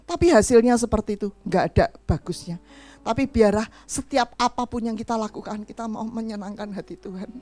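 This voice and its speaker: A middle-aged woman preaching a sermon in an animated storytelling way, acting out the voices of the people in her stories. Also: on the high side, fairly quick.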